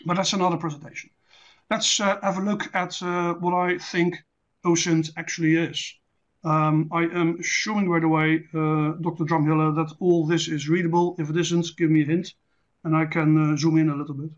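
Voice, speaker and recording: A native Dutch speaker from the Netherlands, an intelligence specialist, gives an online lecture with screen share in a measured, deliberate, didactic way. His fairly high voice barely moves in pitch, and the call audio is dull and lo-fi.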